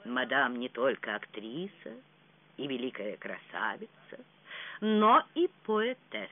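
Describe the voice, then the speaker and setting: A reader voicing a quiet, dryly deferential older lady's maid in an audiobook. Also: medium pitch, very animated, takes it slowly, voice pushed down. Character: dry, low-voiced older lady's maid. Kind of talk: audiobook reading. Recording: tinny phone-like sound.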